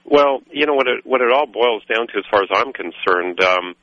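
A man from Guatemala, a coffee roaster and radio guest, talking in a rambling, halting way with many fillers. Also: medium pitch, lively intonation, no echo. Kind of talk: radio interview. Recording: dull lo-fi radio sound.

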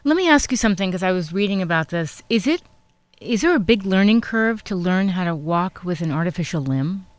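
A woman's voice: on the low side, lively intonation, a little fast, no room sound. A woman hosting a conversational radio interview, chatty as she asks questions and reacts to her guest.

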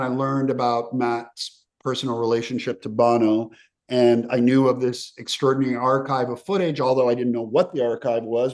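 A film director from the former Yugoslavia answers interview questions. He speaks in an ordinary male pitch, earnest and reflective, letting his thoughts run on at length. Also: a little mellow.

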